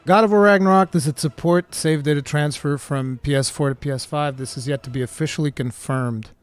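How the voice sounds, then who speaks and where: Brisk and smooth with a slightly high voice, this Portuguese streamer speaks English with an American-sounding accent. He reads out viewer questions in a casual chat, excitable and laughing frequently, dropping "dude" constantly.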